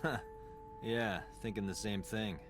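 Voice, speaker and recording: A man's voice: fairly low pitch, fairly even intonation, unhurried, faint music behind, lightly acted. An actor playing a dry, wisecracking male police detective in a video game. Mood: sly. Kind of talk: English video game voice acting.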